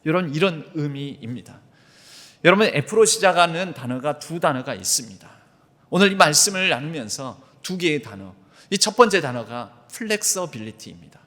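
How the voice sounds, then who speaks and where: A male pastor preaches in a church sanctuary, his voice bright and forceful. He reads book passages aloud with feeling and a slightly raised pitch. The long reverb of the hall carries behind him. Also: lively intonation, moderate pace. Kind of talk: sermon.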